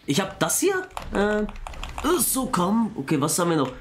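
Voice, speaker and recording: A young man giving excitable let's-play commentary, quick to exclaim and swear as he plays. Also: high voice, soft background music. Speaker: gaming YouTuber.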